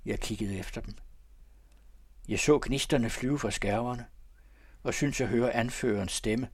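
A man narrating a classic literary story in a measured, storytelling manner. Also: medium pitch, slightly rough, no echo.

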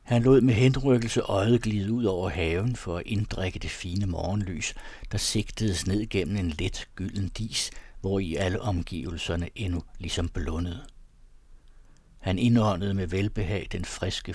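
A man narrating a literary story in a measured, ornate audiobook reading. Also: sits low, a little mellow, slightly rough, dry recording.

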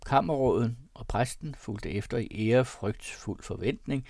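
A man reading classic prose aloud as narrator, in a measured and expressive storytelling manner. His voice sits at a middle pitch. The recording is dry and close, with no room sound. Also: vocal fry, no echo.

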